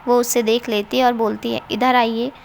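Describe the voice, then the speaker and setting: A woman reading a family story aloud in a soft, even voice, speaking every character's lines herself. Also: on the high side, fairly quick, gravelly, slight background noise. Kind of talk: scripted story narration.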